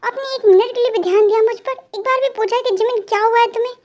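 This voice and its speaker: A woman's voice: very high voice, fairly quick, dull audio. A woman voicing an angry, pregnant young wife who scolds her husband in an amateur fan dub. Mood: scolding. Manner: sharp, sulky scolding.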